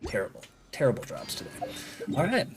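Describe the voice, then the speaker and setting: Pitch swooping wildly, a man in the middle vocal range delivers fairly quick, rambling livestream commentary on his gameplay. Game music and a noisy background sit behind him.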